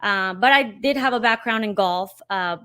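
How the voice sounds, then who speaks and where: A woman's voice: medium pitch, normal speed, bright, forceful tone, clean tone. A woman in her thirties from Colombia, a podcast guest talking casually and emphatically, with plenty of "you know". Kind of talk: casual interview chat.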